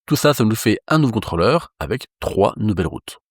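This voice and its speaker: A man from France teaching a coding lesson in a relaxed, reassuring way with casual fillers. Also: on the low side, brisk, no room sound, studio quality. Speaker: programming instructor.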